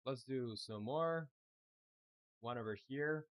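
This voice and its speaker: At a slow pace and in a mid-range voice, this young man from Chile, a native Spanish speaker, chats casually while working on his game during a live stream. He stays relaxed and thinks out loud, using many fillers.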